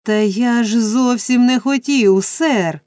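A woman voicing a whining, cowardly teenage shop boy who complains and tattles in a high voice. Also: slow pace, a little mellow, no echo.

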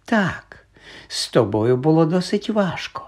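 A man voicing a shrewd, calm old magical talking hat in an audiobook, speaking slowly and quietly in a husky voice. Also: fairly high pitch, pitched above the performer's own voice. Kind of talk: audiobook character voice.

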